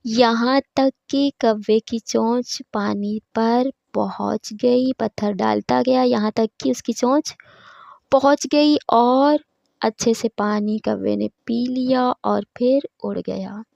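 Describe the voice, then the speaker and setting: A woman teaching Farsi with a Pakistani Urdu accent, reading Farsi lines slowly and then explaining them in a brisker, chatty way. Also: fairly high pitch, steady tone, gravelly, a little mellow, dry recording, muffled recording.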